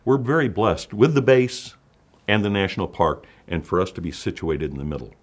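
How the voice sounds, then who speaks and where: A man's voice: low voice, moderate pace. A man speaking as a local official in a promotional interview, upbeat and boosterish.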